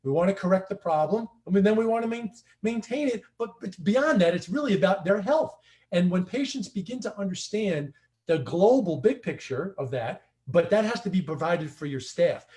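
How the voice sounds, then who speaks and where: A man with a high, light voice talks through practice advice in a relaxed livestream conversation. He leans on emphasis and repeats his points to drive them home. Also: moderate pace. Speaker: chiropractic practice coach. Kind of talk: casual livestream discussion.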